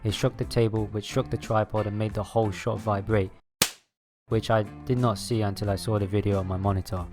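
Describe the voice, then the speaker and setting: A man's voice: on the low side, level tone, fairly quick. A man reading a scripted voice-over as a video creator, explaining his process step by step. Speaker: video creator narrating his own making-of. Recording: music behind the voice. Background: background music.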